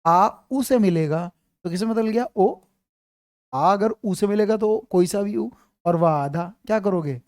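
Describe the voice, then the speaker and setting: A man's voice: high voice, unhurried, darkish tone, no echo, clean studio sound. A man teaching an online grammar class, quizzing his students and repeating his questions.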